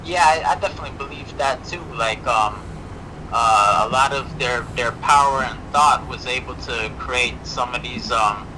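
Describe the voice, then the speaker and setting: A man's voice: mid-range voice, normal speed, sharp tone. A male caller on a phone-in show, talking casually with many fillers, his call played through a speaker into the host's microphone. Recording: noisy call heard from a distance through a speaker.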